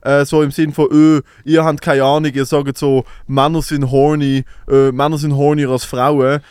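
A man's voice: on the high side, level tone, normal speed, a little mellow, smooth, no echo, clean studio sound. A young man with a Swiss German accent, telling rambling, laughing stories as a podcast co-host. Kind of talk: casual chat.

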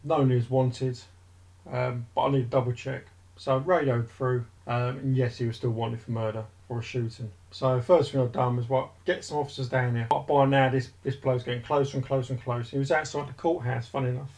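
A man's voice: mid-range voice, flat delivery, a little fast, a little mellow. A man giving a blunt, sweary monologue. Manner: blunt, sweary, gets heated. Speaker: podcast host. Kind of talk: ranting monologue.

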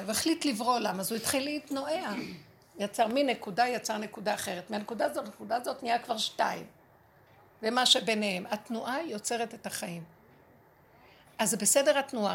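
Woman teaching spirituality, higher voice, very lively and emphatic, bit of hiss behind. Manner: animated, emphatic, acts out prayers and dialogue. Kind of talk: spiritual lesson to a group.

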